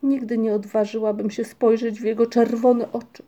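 A woman voicing a timid, excitable young female troll who frightens easily. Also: on the high side, normal speed, highs cut off, close to an everyday voice. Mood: frightened. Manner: fearful, dramatic.

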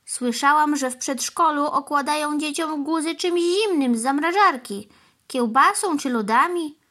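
A woman's voice: measured pace, sharp tone. A woman voicing an injured, pleading mother cow who moos between words in a children's storybook reading. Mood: plaintive. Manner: lowing "moo" interjections, plaintive.

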